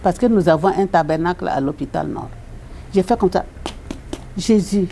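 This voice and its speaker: A woman, a religious sister, telling a personal faith testimony about her hospital chaplaincy work, repeating phrases and jumping high in pitch when she quotes people. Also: moderate pace, background noise. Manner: repetitive, retells with quoted dialogue and sudden high leaps.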